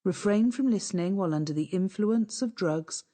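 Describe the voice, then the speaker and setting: A woman narrating a scripted guided hypnosis session in a calm, soothing, instructive way. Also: mid-range voice, normal speed.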